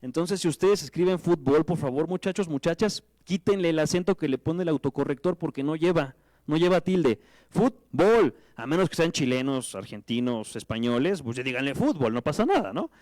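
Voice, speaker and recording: Mexican guy, 30s, guest speaker, animated slangy storyteller, light pitch, dry. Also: a little fast, no echo. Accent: Mexican Spanish. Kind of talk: conference talk. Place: lecture hall with audience.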